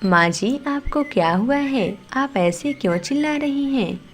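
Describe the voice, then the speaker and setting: A woman voicing a kind, dutiful young daughter-in-law bird in a cartoon story, gentle and earnest. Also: sits high, animated, unhurried. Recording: light background music.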